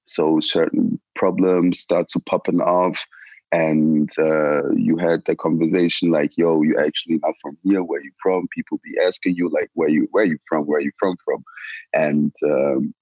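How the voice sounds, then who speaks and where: A Ghanaian-born protest organizer gives casual interview answers in a low, relaxed, slangy voice, dropping plenty of "like" and "yo." He speaks at a moderate pace, and the recording is dry and dull.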